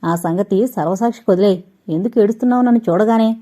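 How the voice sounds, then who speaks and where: A woman voicing a calm young male doctor who teases good-humouredly. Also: mid-range voice, fast, close to an everyday voice. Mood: teasing.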